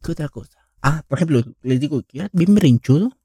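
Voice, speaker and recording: A man's voice: on the high side, animated, fast talker, dark tone, breathy edge, no room sound, studio quality. A young man with a Mexican accent giving a crude, joking comedic monologue full of slang. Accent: Mexican Spanish.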